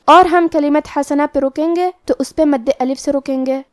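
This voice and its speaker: High-voiced woman teaching recitation rules. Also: steady tone, no room sound, studio quality. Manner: slow, careful step-by-step instruction. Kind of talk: explaining tajweed rules.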